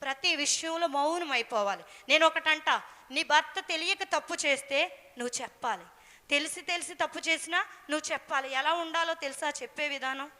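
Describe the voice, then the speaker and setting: Brief: woman preacher, bright and high, earnest storytelling sermon, reverberant hall. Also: moderate pace.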